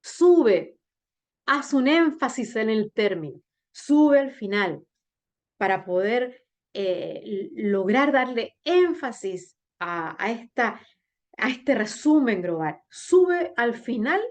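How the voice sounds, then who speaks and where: A woman teacher giving a class on public speaking, talking straight to her students and checking in with "¿bien?", with big swings in pitch and slow, sung-out demonstrations. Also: animated. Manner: addresses students directly with frequent "¿bien?" check-ins. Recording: dull lo-fi recording.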